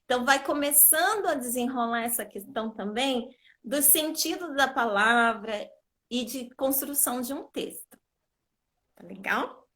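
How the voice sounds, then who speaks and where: A woman's voice: a little high, expressive, measured pace, fairly bright tone. A woman educator teaching on a live video call, explaining step by step in a patient way and often checking that she is understood. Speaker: literacy educator.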